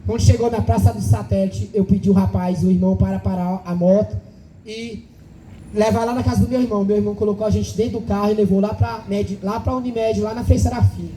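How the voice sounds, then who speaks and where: Fervent high-voiced preacher man. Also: fairly even intonation, a little fast, warm tone, slight background noise, low-quality recording. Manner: fervent, emotional storytelling with many repetitions. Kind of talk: testimony sermon at a church service. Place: church service.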